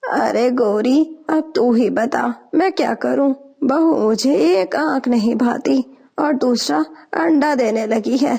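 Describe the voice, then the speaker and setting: A woman's voice: high-pitched, vocal fry, mellow, slightly rough, full character voice. A woman voicing a spiteful, bossy old female sparrow mother-in-law who scolds. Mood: grumbling.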